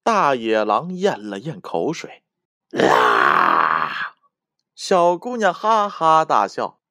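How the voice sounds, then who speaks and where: A male storyteller reading a children's tale slowly, with wide, lively swings of pitch. His voice sits a little high. The recording is close and dry. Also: no echo.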